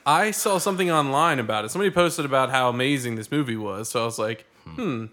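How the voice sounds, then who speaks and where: A man's voice: medium pitch, fast, bright, forceful tone. A man hosting a podcast with friends, talking in a loose, rambling, joking way. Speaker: podcast host. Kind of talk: casual chat.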